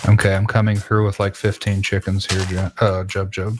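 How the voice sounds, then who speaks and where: A man's voice: low-pitched, completely flat delivery, moderate pace, background noise. A man co-hosting a gaming podcast, joking and sarcastic in a playful casual chat. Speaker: podcast co-host.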